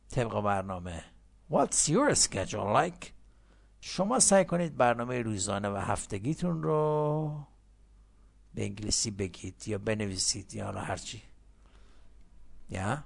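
A man teaching an English lesson, reading English phrases slowly and clearly for repetition, then explaining quickly. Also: on the low side. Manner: switches between slow drilled English and fast explanation.

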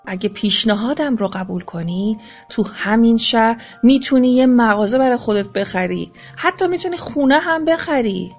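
A woman's voice: medium pitch, soft background music, close to an everyday voice. A woman voicing a greedy, scheming middle-aged goldsmith in a children's storybook, with a sly, wheedling way of talking. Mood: sly persuasion.

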